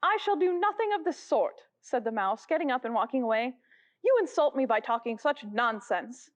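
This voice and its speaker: A woman's voice: high-pitched, lively intonation, normal speed. A woman voicing a proud, easily offended male mouse with a haughty manner.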